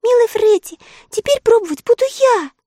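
A woman doing Ellie, a high pleading little girl. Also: lively intonation, moderate pace, mellow, no room sound, clean studio sound.

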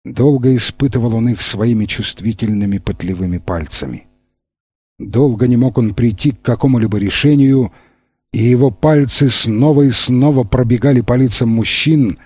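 A man narrating an audiobook with a measured, literary reading. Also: mid-range voice, darkish tone, breathy edge, no echo.

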